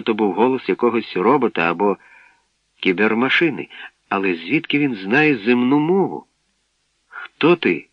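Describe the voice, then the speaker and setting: A man narrating a story from a script, with steady storytelling that shifts into acted voices. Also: lowish voice, no room sound. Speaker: audiobook narrator. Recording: dry, dull lo-fi recording.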